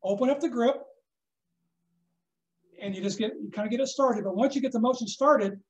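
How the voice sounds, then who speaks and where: A man teaching a snare drum masterclass, coaching a student hands-on and checking in often with a quick "okay?". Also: very high voice, lo-fi sound, slight background noise. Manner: instructive, checks in with frequent "okay?". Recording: echoey room.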